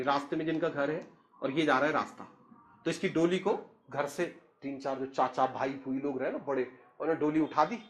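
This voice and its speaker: A man, telling a story in a chatty, humorous way and speaking straight to the listener. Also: on the high side. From Uttarakhand, India. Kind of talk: casual spoken storytelling.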